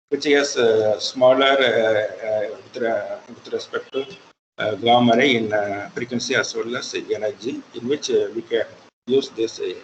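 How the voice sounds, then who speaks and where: A man with an Indian English accent giving an online technical lecture, pausing often with fillers. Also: medium pitch, slight background noise, rough recording. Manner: hesitant, many fillers.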